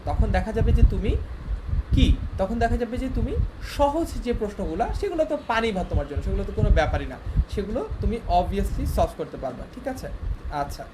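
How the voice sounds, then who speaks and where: A man's voice: sits high, expressive, quick pace, background noise. A young man teaching a class, explaining step by step and often checking that his students follow. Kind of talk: online class lecture.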